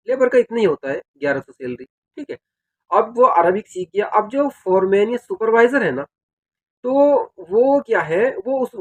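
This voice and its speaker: A man casually explaining things to his viewers, often adding "theek hai" and addressing them directly. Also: sits high. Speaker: video creator giving advice on working in Saudi Arabia.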